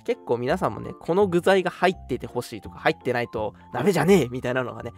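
Over music, a young male radio co-host chats at a quick pace in a mid-range voice with lively intonation. He laughs readily, keeps things casual, and sometimes reads out comments sent in by listeners.

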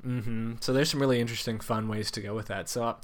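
A man's voice: mid-range voice, fairly even intonation, fast talker. Congested nasal man chatting on a podcast. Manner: rambling, thinks aloud with many fillers. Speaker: podcast co-host. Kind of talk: casual chat about a TV show.

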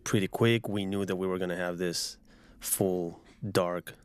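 A man with a deep, very clean voice gives casual commentary as a filmmaker. He speaks haltingly and restarts his phrases. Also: fairly even intonation, clean tone, no echo.

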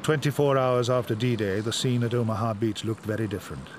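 A man's voice: medium pitch, fairly even intonation, a little fast, noisy background. A man reading scripted narration as a documentary narrator.

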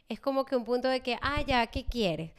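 A woman's voice: sits high, animated, normal speed, clear, resonant tone. A woman, co-hosting a podcast as a mother and chatting casually about parenting. She talks animatedly and acts out her child's lines. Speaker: podcast co-host.

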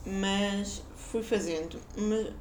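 A woman's voice: mid-range voice, fairly even intonation, drawn-out words, a little mellow, a little hiss or hum. A young woman from Guarda with a Portuguese accent from that region, telling a casual personal story in a chatty way, laughing often and using many fillers. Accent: European Portuguese, Guarda region. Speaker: podcaster.

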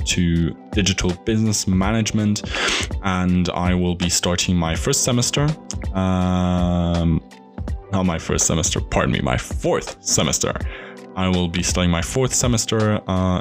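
A young man in his twenties from Germany, whose first language is German, talks through his own story on a solo podcast. His voice sits very low, and he rambles, restarting and correcting himself. Soft music plays faintly behind him. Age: 20s. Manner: rambling, with many fillers, restarts and self-corrections. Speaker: podcast host. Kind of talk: casual solo podcast monologue.

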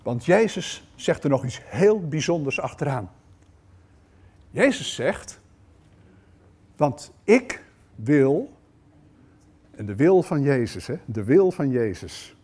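A man preaching a sermon in a church service, animated and turning to the congregation with questions, moving between loud outbursts and hushed lines. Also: mid-range voice, unhurried, husky. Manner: talks directly to the congregation with questions.

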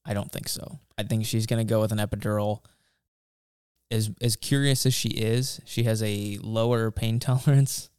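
A man's voice: lowish voice, steady tone, normal speed, a little mellow, smooth, dry recording, clean studio sound. A man in his thirties co-hosting a casual podcast chat, laid-back and rambling with restarts. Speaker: podcast co-host, father-to-be.

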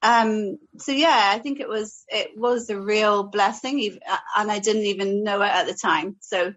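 A woman's voice: mid-range voice, fairly even intonation, moderate pace, fairly bright tone, muffled recording. A woman with a Northern Irish accent telling her own story casually and a little hesitantly as a guest. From Portadown, Northern Ireland. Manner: hesitant, chatty. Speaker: podcast guest.

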